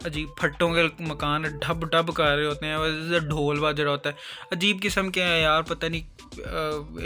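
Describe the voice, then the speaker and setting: Flat-toned Pakistani man giving casual tips. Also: fairly high pitch. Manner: conversational, repeats himself, rambling asides. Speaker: vlogger. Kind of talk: casual advice vlog.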